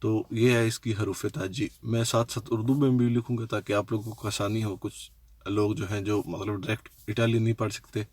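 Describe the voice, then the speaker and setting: A man with a lowish, slightly mellow voice hosts his own casual, home-made language tutorial on his channel, recorded with no echo. He patiently spells out letters one at a time, relying on fillers and restarts.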